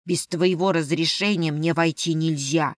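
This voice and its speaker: A woman voicing a grumpy, cheeky little male winged mouse familiar in an audiobook, speaking in a slow, sarcastic drawl. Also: sits low, fairly even intonation, no room sound, studio quality. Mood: grumbling.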